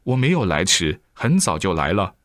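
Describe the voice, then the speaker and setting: A man's voice: deep voice, very animated, normal speed, fairly bright tone, dry recording, clean studio sound. A man doing a pleading young disciple. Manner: pleading, deferential.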